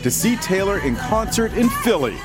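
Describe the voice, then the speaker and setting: Male, American accent, lively swooping pitch, upbeat tabloid narration, loud music underneath. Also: normal speed, crowd noise. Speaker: TV news magazine reporter. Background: loud music bed.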